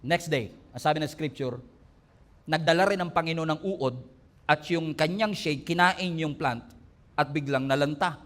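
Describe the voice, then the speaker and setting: A man's voice: a little high, normal speed, fairly bright tone. A male pastor preaching a sermon, moving between emphatic, rising appeals and humorous storytelling. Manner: preaching in mixed Tagalog and English, rising to emphatic peaks.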